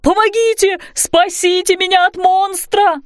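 A woman reading a storybook aloud voices a frightened man who wails and pleads slowly and loudly. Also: very high voice, fairly even intonation, no room sound, studio quality, voice pushed up. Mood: panicked. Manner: panicked wailing, pleading, drawn out. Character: frightened adult man roofer, panicky.

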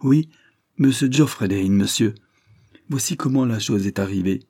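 A man's voice: on the low side, moderate pace, warm tone. A man reading aloud voices a flustered, deferential butler in a Victorian audiobook, talking in an apologetic, eager manner.

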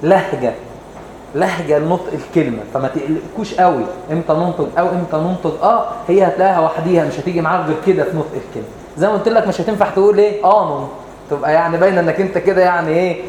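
An Egyptian man teaches in a brisk, slightly raised voice, patiently walking the class through each point and asking it questions. He is recorded in an echoey room with faint noise behind him. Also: a little high, darkish tone. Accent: Egyptian Arabic. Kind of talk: explanatory lesson.

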